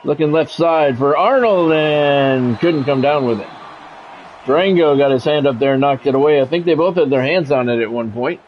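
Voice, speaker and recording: Over a football video game, a man with a voice on the high side provides live commentary at a moderate pace. Expect brief announcer-style calls and candid asides, all on a dull, lo-fi mic with a little background noise.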